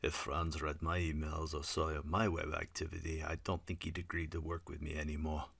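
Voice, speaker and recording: A man doing a wry Russian lab manager with a soft rolled R. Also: very deep voice, level tone, normal speed, gravelly, husky, dry recording, exaggerated voice.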